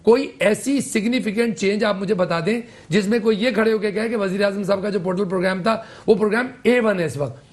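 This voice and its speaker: A man who is a political analyst guest, giving critical commentary and listing his points one after another. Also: high voice.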